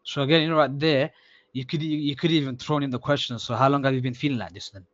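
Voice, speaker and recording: A man's voice: medium pitch, fairly even intonation, fast talker. A man reviewing a sales call with a student in a casual coaching tone, often repeating words and calling him akhi. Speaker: sales mentor. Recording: slightly dull lo-fi sound.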